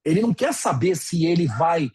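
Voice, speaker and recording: Brazilian man, 40s, consultant lecturing a webinar; very breathy, warm tone, chatty, keeps checking in with the audience. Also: a little high, big pitch swings, normal speed. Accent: Brazilian Portuguese. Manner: conversational, checks in with frequent tag questions, tells personal stories. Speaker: dental practice consultant.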